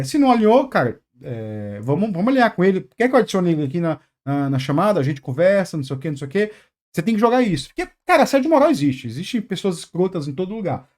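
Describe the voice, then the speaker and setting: A Brazilian man hosting a casual advice chat, telling a work story in animated bursts, with many fillers and restarts. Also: on the high side. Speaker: channel host.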